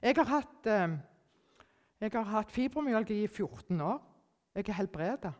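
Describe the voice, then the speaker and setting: A middle-aged woman shares a personal testimony with an audience, acting out her own thoughts in a lively way and sinking now and then to a near whisper. Her voice sits at an ordinary pitch for a woman. It rings out with a long reverb, as if in a large hall. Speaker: speaker giving a personal testimony.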